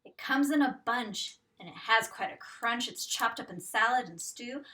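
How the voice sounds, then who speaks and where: A woman teacher reads a picture book aloud to young children in an expressive, sing-song voice, stopping to ask guessing questions. Her pitch is fairly high and she's far from the mic.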